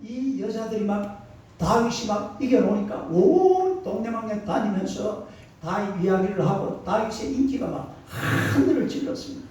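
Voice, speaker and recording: A man preaching a sermon as pastor, lively and colloquial, constantly prompting the congregation to answer. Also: sits high, moderate pace. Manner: animated call-and-response preaching, colloquial and emphatic. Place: church sanctuary. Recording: distant, echoey, dull church recording.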